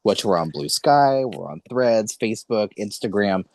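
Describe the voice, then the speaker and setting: Here the late-twenties podcast host speaks in a voice on the low side, animated and a little mellow, at a moderate pace with no echo. The talk is casual and earnest, wandering as he keeps correcting himself.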